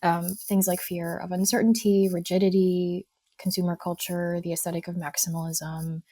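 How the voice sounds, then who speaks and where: A woman counselor guesting on a podcast, talking in a thoughtful, measured way and often stopping to qualify her points. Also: fairly low pitch, level tone, dark tone, no echo, clean studio sound. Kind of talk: casual podcast conversation.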